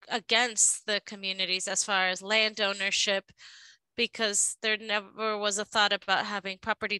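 A woman giving a live interpretation of a panel discussion, halting and often restarting her phrases. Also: medium pitch, pushed and bright, smooth, no room sound, rough recording.

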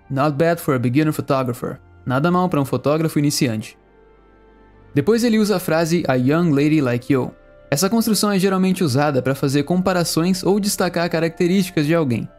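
A Brazilian man teaching English, friendly, explaining and repeating phrases slowly. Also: on the high side, darkish tone. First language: Portuguese. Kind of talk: language lesson narration.

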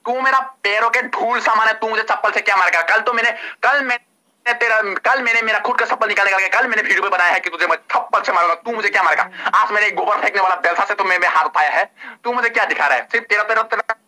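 Sharp-voiced man ranting insults. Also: high-pitched, fast. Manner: repetitive insulting rant. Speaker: live-stream participant. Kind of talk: heated online argument.

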